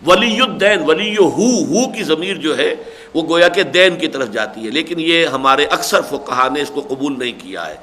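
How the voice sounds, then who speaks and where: A man's voice: on the high side, animated, bright, forceful tone, a little hiss or hum. An older man giving a religious lecture, reciting Arabic verses and then explaining them patiently. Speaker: Quran scholar giving tafseer.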